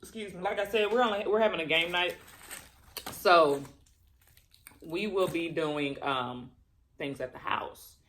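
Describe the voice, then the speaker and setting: A woman chatting casually and colloquially to viewers during a mukbang, chewing as she talks and pausing between bites. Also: lowish voice, fairly bright tone, slight background noise. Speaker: mukbang vlogger. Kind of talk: casual chat to viewers while eating.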